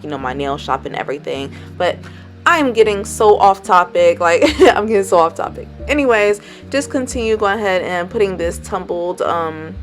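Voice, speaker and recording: A woman hosting a crafting tutorial in a casual voice-over, chatty and rambling, full of fillers like "um" and "and everything.". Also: low-pitched.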